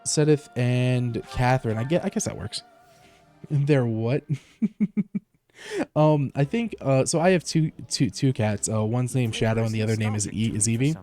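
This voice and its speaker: This streamer chats casually through a headset at home during live gameplay, wandering off with many fillers and restarted thoughts. He speaks at a moderate pace in a warm, medium-pitched voice, with faint music in the background.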